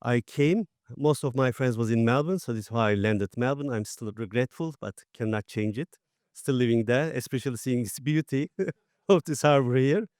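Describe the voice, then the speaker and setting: A man's voice: mid-range voice, moderate pace, darkish tone, dry recording, studio quality. A middle-aged man from Turkey with a Turkish accent, speaking plainly in slightly broken English as a panel guest. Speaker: panel guest, former IT executive. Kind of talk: conference panel talk.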